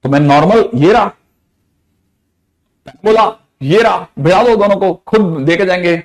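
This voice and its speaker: A man teaching a math class in a lively, teasing way, often repeating questions to get students to answer. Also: high-pitched, normal speed.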